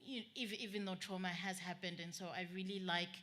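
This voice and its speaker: Young woman from South Africa, writer guest, bright and flat delivery, thoughtful. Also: fairly low pitch, brisk. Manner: thoughtful, repeats words as she thinks. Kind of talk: casual reflective chat.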